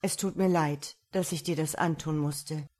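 A poor, gentle woodcutter speaks earnestly, full of worry for his family, as a woman reader voices him. The voice sits a little low and stays plain and sincere throughout. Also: fairly even intonation, a little slow. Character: poor humble male woodcutter, kind-hearted.

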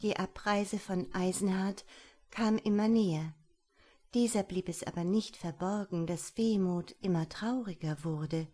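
A woman reads a fairy tale aloud in a calm, unhurried storytelling tone. She keeps a mid-range voice and lets each sentence unfold slowly. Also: medium pitch. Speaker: narrator.

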